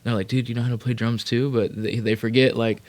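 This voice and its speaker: A man from California, a rapper and producer, telling his career story as a podcast guest in a loose, animated way full of fillers and swearing. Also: mid-range voice, fast talker. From Sacramento, California. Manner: animated, profane, lots of fillers. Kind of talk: casual storytelling.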